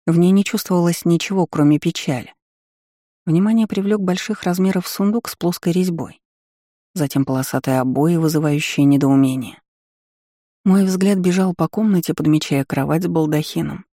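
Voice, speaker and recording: A woman reading a first-person novel aloud in an even, measured storytelling manner. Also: on the low side, dry recording, studio quality. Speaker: audiobook reader.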